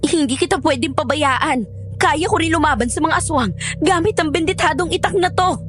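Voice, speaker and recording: An anxious young wife in an audio horror story, her voice sitting extremely high. She pleads and cries easily, devoted to her husband and afraid for him. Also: normal speed, over music. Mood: defiant. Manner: pleading, emotional, tearful.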